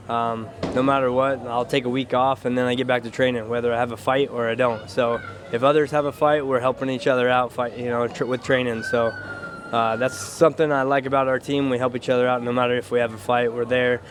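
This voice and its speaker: Low-key man with a flat delivery. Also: brisk, a crowd in the background. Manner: low-key, modest, matter-of-fact. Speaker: professional MMA fighter. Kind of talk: casual interview answers.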